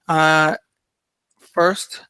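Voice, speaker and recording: A man hosting a solo podcast in a loose, rambling way, stopping for fillers and restarting sentences. His voice sits a little high and sounds bright and crisp. The recording is dry and close, with no room sound. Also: little pitch movement, very slow, no room sound, poor audio. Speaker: podcast host. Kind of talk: casual solo podcast talk.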